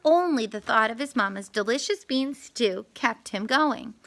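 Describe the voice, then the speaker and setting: A woman reading a children's storybook aloud, expressive, with little asides and corrections. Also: fairly high pitch, moderate pace, gravelly.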